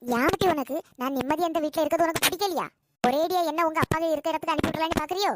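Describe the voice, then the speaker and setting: A woman's voice: sits high, racing, heavy background noise, natural voice. A woman playing a nagging old village mother. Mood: suspicious. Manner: nagging and sharp-tongued. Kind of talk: comedy skit acting.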